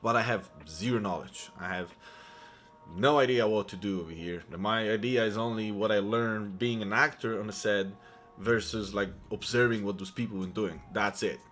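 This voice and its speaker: Faint music plays behind this man's fairly low, slightly bright voice as he talks at a moderate pace with fairly even intonation. He is a Polish-accented vlogger in his thirties from Poland, chatting loosely about his life to camera and frequently starting over.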